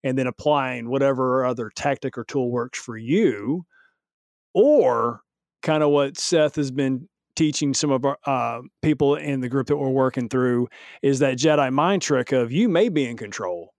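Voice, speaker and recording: A man's voice: mid-range voice, normal speed, a little mellow, no room sound, clean studio sound. A man who works in workplace safety, talking casually on a podcast and acting out the reactions he quotes. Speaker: safety professional and co-host.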